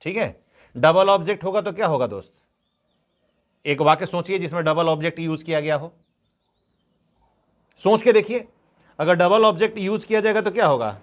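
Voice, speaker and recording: A man's voice: high voice, animated, moderate pace, long pauses. A man teaching a grammar lesson, patiently dictating examples word by word and asking the students questions. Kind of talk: grammar lesson, explaining step by step.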